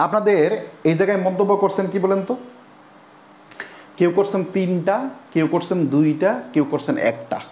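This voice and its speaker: A man with a Bangladeshi accent teaches a grammar class. His voice sits high, and it bounces around an echoey classroom. He keeps repeating himself and asks the students question after question. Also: darkish tone. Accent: Bangladeshi Bengali. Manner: repetitive, quizzing students with rhetorical questions; spells words out letter by letter. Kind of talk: classroom lecture.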